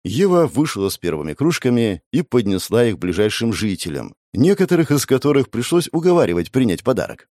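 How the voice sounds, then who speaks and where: A man's voice: medium pitch, sing-song, fairly quick, hardly any pauses, mellow, no echo. A man narrating an audiobook in the first person, with a dry, grumbling, wry delivery.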